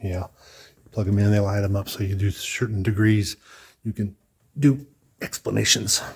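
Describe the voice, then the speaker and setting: With a low-sided voice, flat delivery and vocal fry, a vlogger tours a building's indoor hallways and large rooms at a moderate pace. He is casual, chatty and a bit out of breath, thinking aloud and restarting. A little hiss or hum is audible.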